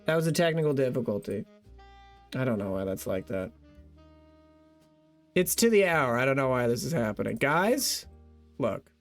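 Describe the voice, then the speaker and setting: Young male streamer, casual self-mocking chat, animated pitch, faint guitar music under. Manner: reads old joke notes aloud, laughing at himself, thanking donors.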